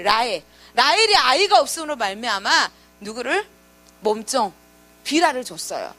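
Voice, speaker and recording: A woman's voice: sits high, bright, forceful tone. A woman pastor preaching to a youth group, telling a story with acted quotes and questions to her listeners. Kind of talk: sermon to teenagers.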